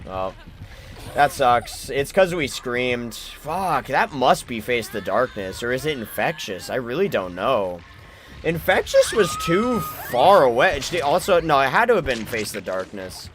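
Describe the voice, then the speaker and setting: A man's voice: medium pitch, expressive, a little slow. A man giving live gameplay commentary, thinking aloud, muttering and swearing at the game as he plays. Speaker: gaming channel host.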